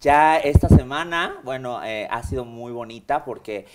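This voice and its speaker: A Mexican man in his thirties, seated as an interview guest in a small studio, telling his story in a lively, animated way. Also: medium pitch, measured pace, gravelly, heavy background noise. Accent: Mexican Spanish. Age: 30s. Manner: animated and expressive, gestures with hands, many fillers. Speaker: interview guest, hair extension stylist. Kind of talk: casual conversational storytelling. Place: small indoor studio set, seated in armchair.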